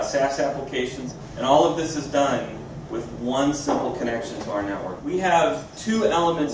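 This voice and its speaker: Very echoey, distant man presenting a demo. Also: medium pitch. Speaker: company presenter. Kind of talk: live product demo presentation. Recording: echoey room, distant mic, clear background noise.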